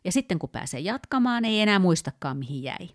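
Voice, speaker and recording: A very animated woman with a fairly low pitch co-hosts an informal podcast. She breaks ideas down step by step using work examples, thinking as she goes, with many fillers and small restarts.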